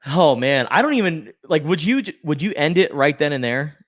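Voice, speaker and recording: A man's voice: on the high side, animated, brisk, a bit bright, no echo, clean studio sound. A man hosting a podcast in easygoing casual chat, chuckling often. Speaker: podcast host.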